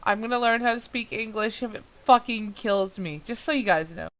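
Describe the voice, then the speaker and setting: A woman's voice: a little high, a little fast, fairly bright tone. A woman reading a fan story aloud who keeps stumbling, swearing and laughing at her own mistakes in a self-mocking, exasperated way. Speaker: reader of a fan-fiction audio drama. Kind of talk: blooper reel while reading aloud.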